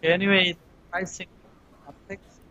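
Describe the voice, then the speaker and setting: A man presenting his company's software over a video call. His audio is cutting in and out, so his volume is uneven, and he talks in short, broken phrases. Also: sits high, flat delivery, measured pace, muffled recording. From Korea.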